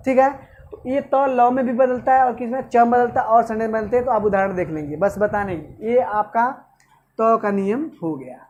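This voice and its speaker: A man's voice: very high-pitched, moderate pace, darkish tone, dull audio. A male teacher giving an exam-prep grammar lesson, asking questions and answering them himself. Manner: asks and answers own questions, repeats "okay".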